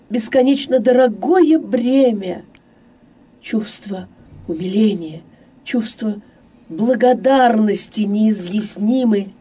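Slow, husky, gravelly audiobook narrator. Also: medium pitch, recorded from a distance. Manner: slow, expressive literary reading. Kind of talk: audiobook reading of a classic novel.

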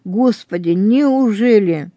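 A horrified young man in a storybook reading, pleading in anguish with a mellow, dark tone, as the reader puts him on. The recording is close and dry, with no room around the voice. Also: mid-range voice, slow pace, dry recording. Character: young man in terror over a crime he plans.

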